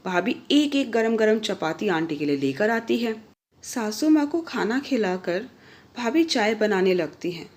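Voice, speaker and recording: A woman reads a scripted family story aloud in a steady, mid-pitched storytelling voice. When the characters speak, she gives their lines more pitch and volume. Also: unhurried. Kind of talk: scripted story narration with acted dialogue.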